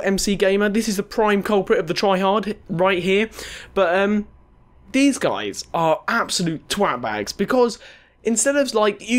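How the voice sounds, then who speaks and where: A young male gaming vlogger with a noticeably high voice talks his way through a countdown, sarcastic and crude, swearing often. His words come out a little slurred from a dental retainer. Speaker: gaming YouTuber. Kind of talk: casual countdown commentary.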